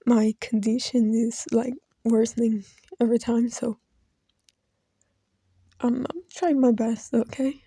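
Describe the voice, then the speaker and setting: Close to tears, this woman pays a personal tribute in a hesitant, halting way, frequently drifting into whispers; she is a video creator whose first language is Brazilian Portuguese. Her pitch sits slightly high, yet the voice is dark, gravelly and husky, with fairly even intonation. The sound is close and dry, without echo.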